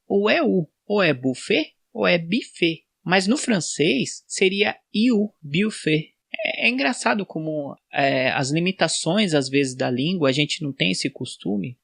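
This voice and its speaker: A man's voice: a little high, vocal fry, fairly bright tone, dry recording. A man with a Brazilian Portuguese accent, chatting casually in an explainer vlog, with frequent tag questions and restarts. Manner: chatty, frequent "né?" tags, self-corrections. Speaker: vlogger.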